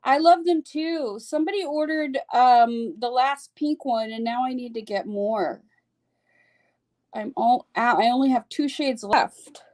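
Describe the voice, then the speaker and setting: A woman in her forties with a slightly high voice hosts a casual livestream. She chats in a friendly way and answers viewers' comments by name. She sounds like she is talking at home. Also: a little slow, darkish tone. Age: 40s. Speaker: livestream host and makeup seller.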